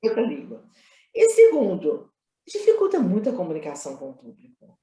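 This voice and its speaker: Heard in a roomy, echoey recording, a woman with a fairly low, dark voice speaks a little fast, her pitch swinging widely. She is a film director from Minas Gerais, Brazil, explaining her creative choices in a conversational interview. Emphatic throughout, she repeats phrases and frequently uses tag questions.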